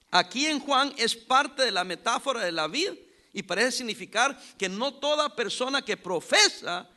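A man preaching a sermon as pastor, telling stories with acted-out dialogue and loud emphatic bursts. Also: high voice.

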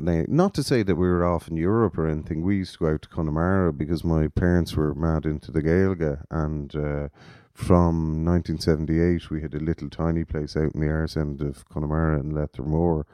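A man's voice: very deep voice, steady tone, fairly quick, hardly any pauses, dark tone, dry recording, clean studio sound. A middle-aged man with a west of Ireland accent, talking casually and ramblingly as a podcast guest, often interrupting himself. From Galway, west of Ireland. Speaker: interview guest, festival organiser.

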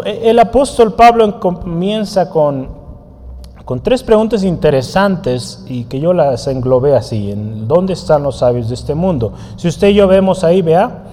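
A man leading a Bible study lesson in a slightly high but mellow voice. He talks in a conversational way, checking in with his listeners through frequent questions. Long reverb from the hall trails behind his words. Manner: writes on a board while teaching. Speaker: Bible teacher.

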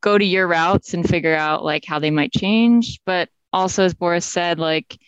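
A woman's slightly low voice comes through a dull, lo-fi video call line. The sound is dry and close, with no room around it. She explains a map tool patiently, one step at a time. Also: normal speed, clean tone, dry recording. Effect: heard over a video call. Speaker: software engineer presenting a map.

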